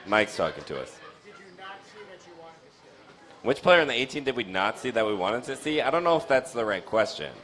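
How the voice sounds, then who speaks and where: Animated young man hosting soccer talk. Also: normal speed, pauses often. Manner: animated, restarts often, jumps in pitch. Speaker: soccer show host. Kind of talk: casual post-game chat. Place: dim bar. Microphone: studio mic on stand with foam cover, headphones.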